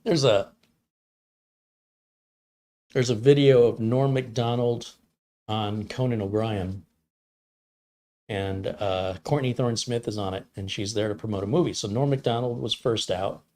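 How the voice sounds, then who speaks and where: This is a middle-aged man hosting a live stream and reading chat, his voice lowish and darkish in tone. He talks at a measured pace with long pauses, rambling casually through stories and performing quoted lines in assorted voices.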